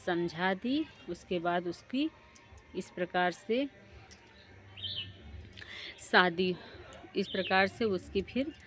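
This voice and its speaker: A woman's voice: on the low side, lively intonation, slow pace, long pauses, fairly bright tone. Woman telling a folk tale. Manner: plain, repetitive narration. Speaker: storyteller. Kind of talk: casual oral storytelling.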